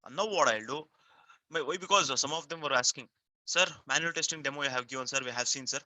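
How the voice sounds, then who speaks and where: A software testing instructor with an Indian accent teaches a live online class, going step by step emphatically, repeating himself, and prompting students with frequent questions. His mid-range voice is quick and sharp, in a dry, low-quality recording.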